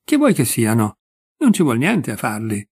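A man's voice: medium pitch, huge pitch swings, moderate pace, husky, heavily acted. A man reading the lines of a young grieving woman, earnest and a little hurt. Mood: irritated.

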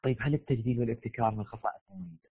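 A Saudi university lecturer with a sore throat teaches a live online class, speaking very fast in a medium-pitched, slightly rough voice with a Saudi Arabian accent. He's animated, coaxing his students with quiz questions. The audio is dry and phone-like.

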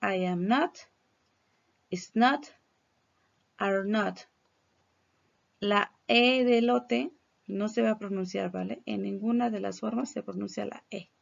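A woman's voice: medium pitch, steady tone, slow pace, creaky, long pauses, lo-fi sound. A woman from Mexico with a Mexican accent, teaching English in a recorded lesson, explaining patiently in Spanish and modeling English words for her students to repeat. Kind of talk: recorded classroom lesson on slides.

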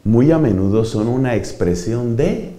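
A man preaching a sermon, emphatic and deliberate, listing words one by one and answering his own questions. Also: medium pitch, animated, warm tone, roomy sound.

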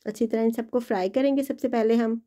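A woman's voice: fairly high pitch, fairly even intonation, fast, warm tone, low-quality recording. A woman hosting a home cooking video, chatting in an encouraging way as she cooks in her kitchen. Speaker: home cooking channel host. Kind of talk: casual cooking demonstration.

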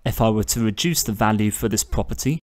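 A man with a fairly low voice narrates a step-by-step software tutorial on screen. His delivery is measured and instructional, like a channel host explaining each click.

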